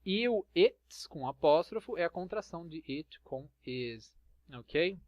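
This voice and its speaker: A man's voice: fairly high pitch, lively intonation, a little slow, no room sound. A man with a Brazilian Portuguese accent, patiently explaining English grammar and often checking with "tá?" and "ok?". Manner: patient, checks understanding with frequent "tá?" and "ok?". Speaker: English teacher. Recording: dull lo-fi sound, dry.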